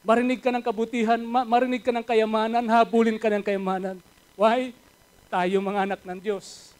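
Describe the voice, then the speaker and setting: A man with a Filipino accent preaching a sermon at a church service, switching between Tagalog and English and building to loud emphatic calls. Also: high-pitched, little pitch movement, moderate pace, low-quality recording. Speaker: pastor.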